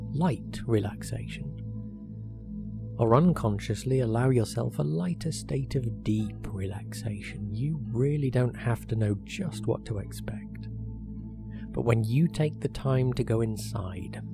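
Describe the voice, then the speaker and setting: A man leading a guided hypnosis meditation as a relaxation therapist, speaking in a soothing, measured way with short phrases and pauses. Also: mid-range voice, creaky. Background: meditation music.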